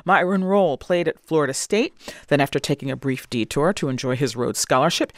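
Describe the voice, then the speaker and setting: A man's voice: on the high side, fairly bright tone, no room sound, studio quality. A man hosting a broadcast interview, asking questions in a conversational way. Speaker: radio interviewer.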